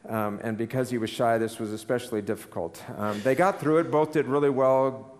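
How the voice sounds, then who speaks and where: A man giving a sermon, telling a story in an earnest, unhurried way. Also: medium pitch, big-room sound. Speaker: preacher.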